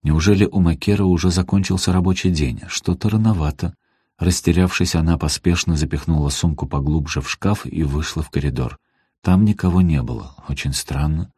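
Man narrating a novel, deep voice, husky, dry close sound. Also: a little fast, dark tone, no room sound. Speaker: audiobook narrator. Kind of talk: scripted narration.

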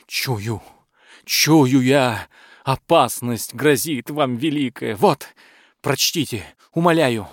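A man's voice: mid-range voice, slow, no echo, studio quality. A man voicing a scheming, fawning male court butler who whines and pleads. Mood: wheedling. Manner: pleading, wheedling.

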